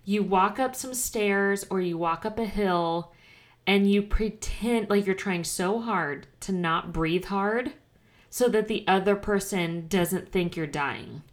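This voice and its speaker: A woman's voice: mid-range voice, takes it slowly. A woman in her thirties chats casually as a co-host. She rambles a little, full of fillers, and pokes fun at herself. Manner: chatty, filler-heavy, self-deprecating. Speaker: podcast co-host. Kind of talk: casual chat.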